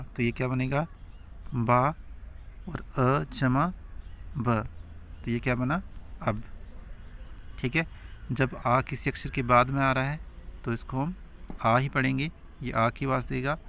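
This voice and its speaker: A man with a mid-range, slightly bright voice and some vocal fry gives a slow Urdu script lesson, sounding out each letter and syllable one by one before asking and answering his own questions. A little hiss or hum sits under the recording.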